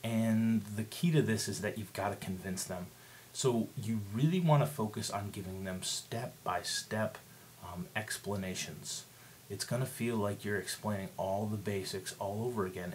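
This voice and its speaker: Male teacher, lowish voice, casual explanatory screencast delivery, slight background hiss. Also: moderate pace. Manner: conversational, explanatory, asks rhetorical questions. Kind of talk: instructional screencast lesson.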